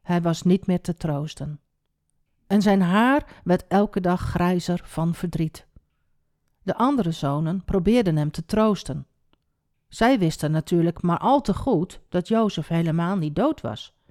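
A woman telling a Bible story to children, expressive and speaking directly to the young listener. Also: lowish voice, unhurried, no room sound, studio quality.

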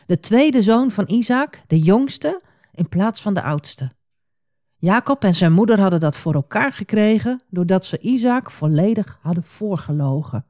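A woman narrating a children's Bible story in an animated, expressive voice. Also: medium pitch, no room sound, studio quality.

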